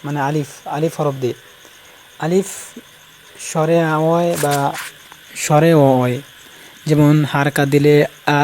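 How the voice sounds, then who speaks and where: A man teaching Arabic letter pronunciation in an informal lesson, speaking slowly and repeating each sound many times. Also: a little high, darkish tone, a little hiss or hum, poor audio. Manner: slow and repetitive, drilling sounds. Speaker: Quran recitation teacher.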